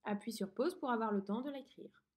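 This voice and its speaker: A woman teaching a dictation lesson to a young pupil, pronouncing each word slowly and clearly. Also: a little high, darkish tone. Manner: slow, clearly articulated teacher talk to a child. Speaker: primary school teacher.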